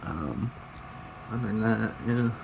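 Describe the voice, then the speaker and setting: A man's voice: on the low side, slow pace, gravelly, noisy background. A tired young man vlogging his PC build, rambling casually, swearing often and poking fun at himself. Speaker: PC hobbyist vlogger. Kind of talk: casual off-the-cuff show-and-tell.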